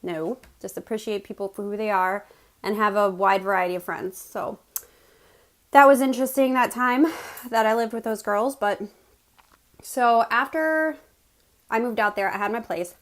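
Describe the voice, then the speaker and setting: A woman from West Virginia with an American accent tells personal stories in a casual, chatty way to viewers, pausing to chew as she eats. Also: a little high. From West Virginia, United States. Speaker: mukbang host telling personal stories.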